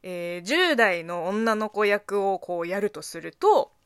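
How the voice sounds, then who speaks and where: A Chinese woman whose first language is Chinese, hosting a casual radio show in which she reads listener mail, laughing often and speaking with a slightly husky, boyish voice. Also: mid-range voice, measured pace, a bit bright, no echo, clean studio sound. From China. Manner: giggly, laughs often, self-deprecating.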